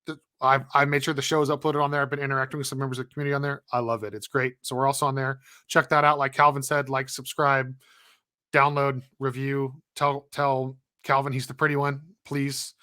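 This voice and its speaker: A man co-hosting a casual gaming podcast, chatty and animated, who laughs easily while plugging the show. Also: mid-range voice, a little fast, dry recording, studio quality. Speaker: podcast co-host.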